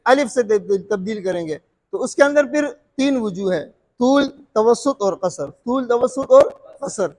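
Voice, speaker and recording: A man's voice: very high voice, animated, moderate pace, darkish tone, long reverb tail. A man teaching Quran recitation rules, repeating terms, quizzing his listeners and drawing out sung examples. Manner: frequent filler "what's it called". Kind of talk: explaining recitation rules to students.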